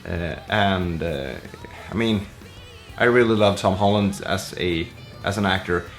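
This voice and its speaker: A man, a musician, answering viewer questions in a relaxed, rambling way full of fillers. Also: deep voice, unhurried, faint music behind. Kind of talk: casual Q&A vlog.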